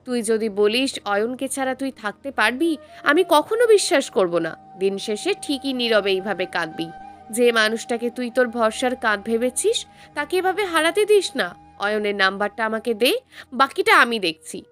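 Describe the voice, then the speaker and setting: Brief: earnest, tender young college guy in an audio story, read by a woman, high and lively delivery, soft music bed. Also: normal speed. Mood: persuasive. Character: earnest, gentle young male college student. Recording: faint music underneath.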